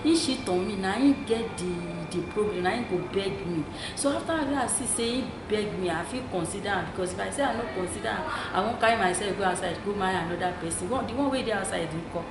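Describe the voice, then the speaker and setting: A woman's voice: medium pitch, fast, few pauses, over music. A woman with a Nigerian accent giving opinionated, conversational advice as a co-host, emphatic and repeating her points. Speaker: talk show co-host. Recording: echoey room with clear noise.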